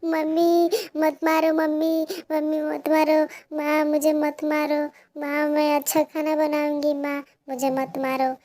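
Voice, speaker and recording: A woman's voice: high-pitched, completely flat delivery, slow. A woman voicing a poor, tearful young girl who pleads in a cartoon story. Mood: tearful pleading. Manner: pleading, whimpering.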